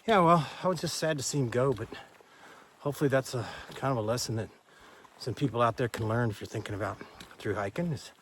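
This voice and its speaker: A man's voice: medium pitch, fast, a little hiss or hum. An older man from Texas, vlogging a hike outdoors on a forest trail into a handheld camera, rambling in a folksy way as he gives friendly advice. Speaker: hiker vlogger. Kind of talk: casual trail vlog.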